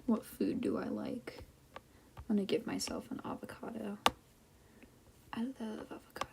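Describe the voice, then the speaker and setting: A young woman whispering softly and offhandedly as she chats while drawing late at night in a quiet house. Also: medium pitch, huge pitch swings, normal speed, gravelly. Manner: soft whispering, offhand and unbothered. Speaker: vlogger.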